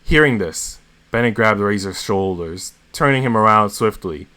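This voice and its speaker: A man's voice: lowish voice, animated, moderate pace, bright, forceful tone. A man reading a fan fiction story aloud as a narrator. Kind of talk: story reading with acted dialogue.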